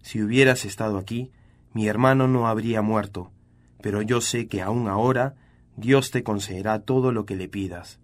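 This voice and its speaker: A man's voice: lowish voice, fairly even intonation, moderate pace, close to an everyday voice. A man reading the lines of Marta, a grieving grown woman of faith, in a plain and earnest way.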